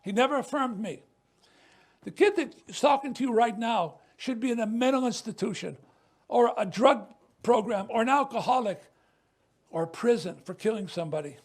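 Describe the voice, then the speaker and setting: Guy with a high voice telling his story at a press conference, emphatic, goes quiet then punches it up, stumbles a bit. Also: moderate pace. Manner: emphatic, dropping to a hush on painful memories and rising on defiant points; occasional stumbles and restarts. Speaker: ministry leader speaking at a news conference. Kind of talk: impassioned testimony speech.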